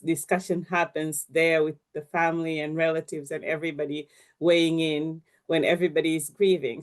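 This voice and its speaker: Hesitant panelist from Tanzania. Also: medium pitch. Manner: hesitant, many restarts. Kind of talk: casual panel remarks. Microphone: video call.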